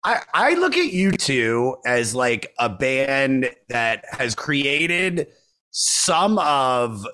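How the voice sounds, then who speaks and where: A man hosting a podcast, chatting casually and excitably, dropping into low mutters and bursting into laughter. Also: very slow. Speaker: podcast host.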